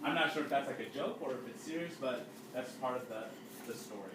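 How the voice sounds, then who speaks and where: Indoors in a classroom, a male teacher with a mid-range voice reads a storybook aloud to his class, stopping to explain things and quiz pupils to check their understanding. The recording is roomy, with a distant mic and faint background noise.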